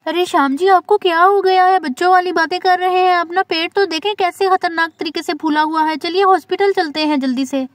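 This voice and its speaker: A woman's voice: extremely high pitch, steady tone, fairly quick, hardly any pauses, no echo, clean studio sound. A woman voicing a young village wife in a doll story, fussing and reassuring her sick husband. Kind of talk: doll story role-play.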